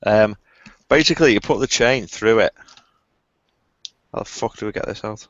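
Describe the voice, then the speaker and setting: A man's voice: on the low side, moderate pace, no echo. A man in a casual group chat over a video call, rambling and swearing casually. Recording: dull lo-fi call audio.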